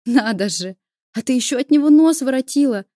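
A woman's voice: high-pitched, expressive, brisk, mellow, no room sound, studio quality, voice pushed up. A woman reading the part of a cheerful adult sister who mocks and teases in a playful way. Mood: mocking. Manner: playful, mocking.

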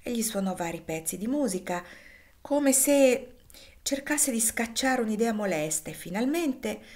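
A woman narrating an audiobook of a classic novel in a measured, steady way. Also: on the high side. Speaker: reader.

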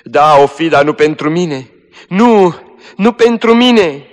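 A man's voice: a little high, animated, voice pushed up, natural voice. A man playing a dying young woman in anguish. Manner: crying out in anguish, refusing. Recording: echoey hall.

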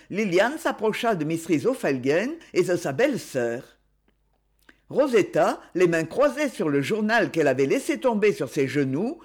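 An audiobook narrator reading a classic novel in a measured, expressive way. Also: medium pitch. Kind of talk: scripted literary narration.

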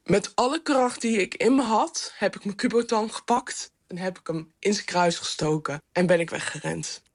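A young woman whose voice is disguised and shifted deeper, haltingly recounting her own experience as an anonymous witness. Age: young adult. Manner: halting retelling with many fillers. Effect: voice disguised, pitch shifted deeper. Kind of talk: recorded personal account.

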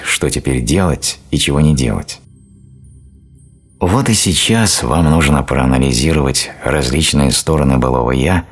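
A man narrating a self-help audiobook in a steady, explanatory reading style. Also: extremely low pitch. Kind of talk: scripted narration.

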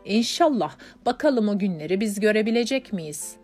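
A woman voicing a witty, outspoken aunt in an audiobook, lifting her voice higher and louder. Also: lively intonation, moderate pace, faint music behind, close to an everyday voice. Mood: teasing.

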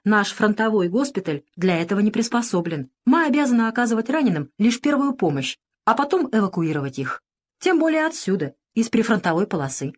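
A woman voicing a bright, bossy young army nurse who talks in a teasing, lively way, in a storybook reading. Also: mid-range voice, a little fast. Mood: earnest.

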